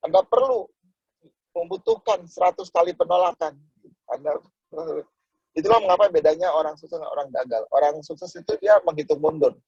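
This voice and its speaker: A man giving a motivational network marketing talk over a video call, acting out little dialogues and jumping to sudden high exclamations. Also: a little fast, darkish tone, breathy edge, no echo, dull audio.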